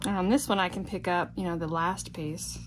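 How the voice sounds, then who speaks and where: A middle-aged quilting instructor gives a casual step-by-step craft tutorial in her home sewing room, thinking aloud as she works. Her voice is fairly low, fairly even in intonation and brisk, and the recording is clearly noisy.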